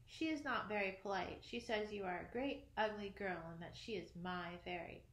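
A woman's voice: medium pitch, normal speed, close to an everyday voice. Peter Pan, cheerful boastful boy voiced by a woman. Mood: matter-of-fact. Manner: lively, a little impatient. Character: cheerful boastful boy who never grows up. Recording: roomy echo.

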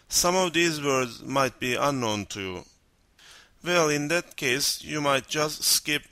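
A man with a Turkish accent, a native Turkish speaker teaching vocabulary, reading out word lists one by one and explaining them slowly. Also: mid-range voice, bright, forceful tone, no room sound. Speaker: language teacher.

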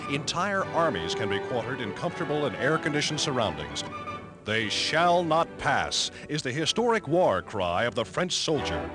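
A man narrating an old 1930s newsreel in a dramatic, emphatic announcer style. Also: mid-range voice. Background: music score.

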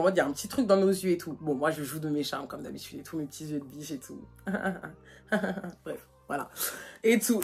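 A young woman from France, telling a casual storytime to her vlog audience in animated, slangy talk full of fillers. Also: fairly low pitch. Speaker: vlogger. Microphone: phone.

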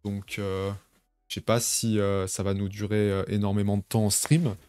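A man's voice: lowish voice, flat delivery, moderate pace, a little mellow, smooth. A young man casually chatting with his viewers during a home live stream, rambling and reading out chat messages. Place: home bedroom.

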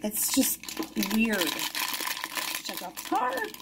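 In a very noisy recording, a woman with a fairly high voice and huge pitch swings takes her time as she unboxes toys. The giggly vlogger chats casually and delights easily at an indoor wooden table, with only her hands visible to the overhead camera.

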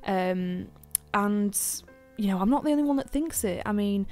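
A woman tells a true crime case on her podcast in a loose, conversational way. She is chatty and opinionated, filling her talk with ums, asides and blunt verdicts, and her voice sits at an ordinary middle pitch. Faint music plays quietly behind her. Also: lively intonation, moderate pace. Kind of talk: casual true crime storytelling.

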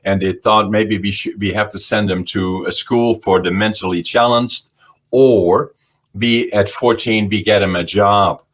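Man in his 80s, from the Netherlands, very low voice, halting, lots of fillers, webcam in a small home office. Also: fairly even intonation. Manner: halting, with many fillers and restarts. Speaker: interview guest, Holocaust-era survivor. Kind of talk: remote interview recollection. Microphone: video call webcam.

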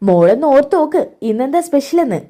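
A woman's voice: high voice, very animated, fast, dark tone. A woman voicing a doting older mother who speaks in a coaxing, affectionate way.

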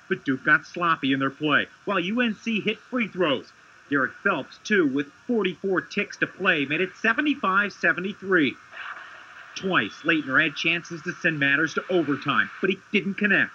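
A man narrating a scripted sports highlight voice-over as a TV reporter, with punchy dramatic phrasing. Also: pushed and bright, a little hiss or hum. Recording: dull lo-fi 1990s TV broadcast.

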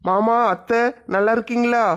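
A performer playing a mild, lovesick young husband in a comedy skit, speaking gently and sounding bewildered. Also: mid-range voice, fairly even intonation, moderate pace, clear, resonant tone, dull audio, close to an everyday voice.

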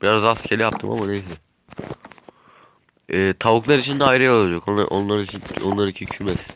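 A man's voice: on the low side, a little fast, noisy background. A man with a stuffy nose chatting casually as he narrates his game while building, thinking aloud. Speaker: gaming YouTuber. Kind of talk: casual gameplay commentary.

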